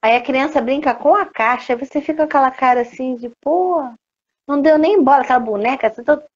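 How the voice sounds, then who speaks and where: Chatty woman host, high voice, lo-fi. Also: fast. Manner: chatty, reads viewer comments. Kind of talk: casual interview chat. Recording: dull lo-fi sound.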